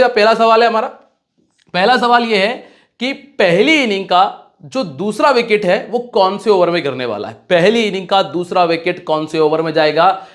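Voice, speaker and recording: A man with a fairly high voice talks straight to his viewers in a loose, chatty way. He runs through scores and player stats one after another, mixing in his own opinions. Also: fairly bright tone. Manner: chatty, direct address to viewers, rattling off stats. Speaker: fantasy cricket predictor. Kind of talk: casual cricket prediction talk.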